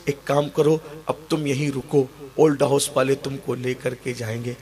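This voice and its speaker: A male preacher voicing a grown son who apologizes in a hushed, low voice. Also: fairly even intonation, lightly acted. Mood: apologetic.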